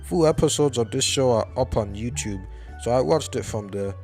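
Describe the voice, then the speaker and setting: A young man delivers casual YouTube commentary on a cartoon. He sounds dry and sarcastic and swears freely, with his pitch sitting in an ordinary middle range. Faint music plays behind him. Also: normal speed, darkish tone.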